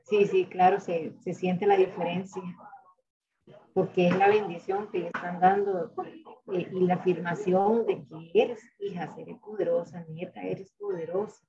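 A woman student answering earnestly in a lowish voice. Her sound is dull and lo-fi. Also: steady tone, measured pace, mellow. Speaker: student in a class.

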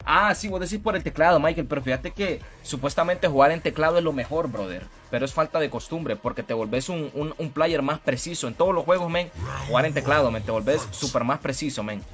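A man streaming a fighting game, commenting excitedly and greeting his chat by name, speaking with vos. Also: on the high side, a little fast, slight background noise. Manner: excitable, calls viewers bro and rey, greets chat by name. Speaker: gaming streamer.

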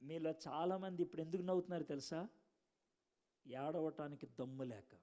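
A man preaching a sermon to a congregation, telling stories and swinging from loud bursts to hushed asides. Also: fairly high pitch, fairly even intonation, normal speed.

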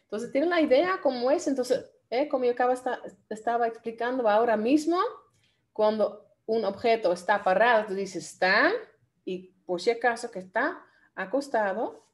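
A playful, chatty woman with a Dominican accent leads an online language class. Her voice sits a little high and stays lively. She talks to her students in a friendly, easygoing way. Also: normal speed. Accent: Dominican Spanish. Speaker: Dutch teacher.

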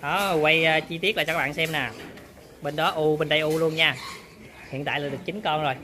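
A man chats to viewers while he films his pig barn on a phone. His voice sits high and rings very bright. Faint barn noise runs behind him. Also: fairly even intonation, fairly quick. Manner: chatty, addresses viewers often. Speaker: pig farmer vlogger. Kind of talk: casual on-farm demonstration.

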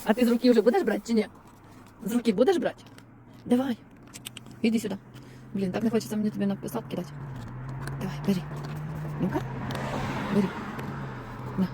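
A volunteer vlogs beside a roadside dump, feeding stray dogs and cooing at them in sing-song baby talk. Her medium-pitched voice comes quickly, broken by frequent pauses. Traffic noise fills the outdoor recording, with passing cars and animal sounds behind her.

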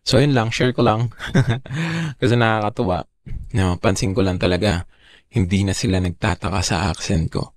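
A Filipino call center agent talking through a deep pitch-shifting voice changer plugin, chatting casually. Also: male voice, moderate pace, long pauses. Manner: relaxed, chatty, mixing English and Tagalog. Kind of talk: casual vlog demonstration.

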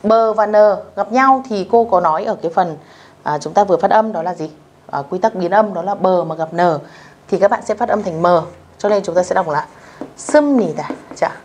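In a medium-pitched, slightly mellow voice, a woman teaches a beginners' language lesson with patience. She goes over phrases slowly and checks that her students follow along.

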